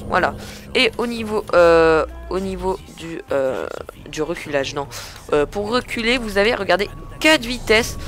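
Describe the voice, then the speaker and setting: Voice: mid-range voice, expressive, measured pace, a bit bright, soft background music. A gamer giving casual, chatty commentary over a truck-driving game, often hesitating and grumbling at other drivers, into a headset mic. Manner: chatty, hesitant, lots of filler sounds. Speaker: truck-simulator gameplay commentator.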